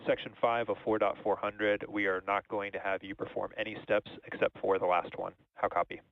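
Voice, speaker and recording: A man's voice: on the low side, little pitch movement, fairly quick, creaky, no echo. A man at mission control giving clipped radio procedure calls over a link that keeps dropping out, repeating and shortening them. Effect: radio call dropping out in pieces. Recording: dry, phone-like radio link.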